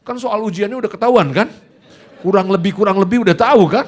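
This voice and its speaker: A man's voice: high voice, quick pace. A male pastor, preaching a sermon through a personal story and acting out the dialogue. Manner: animated, acts out dialogue.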